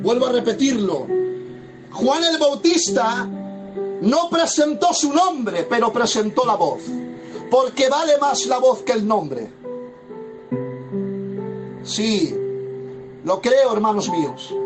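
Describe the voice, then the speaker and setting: A pastor from preaches in a high, ringing voice. He delivers his sermon fervently and leans on repeated phrases for emphasis. A plucked guitar plays clearly underneath him. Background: soft guitar music.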